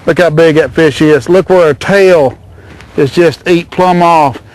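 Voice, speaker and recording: A man's voice: a little high, measured pace. A middle-aged man hosting a fishing show from a small boat on a lake, hollering and cooing at the fish as he reels them in. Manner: excitable, hollers and coos at the fish. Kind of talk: excited outdoor fishing commentary.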